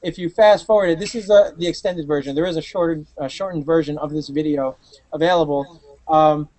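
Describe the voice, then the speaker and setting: A man hosting a tech show, joking loosely and excitedly as he comments on videos. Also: fairly high pitch, brisk. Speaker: podcast host. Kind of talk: casual chat commenting on videos.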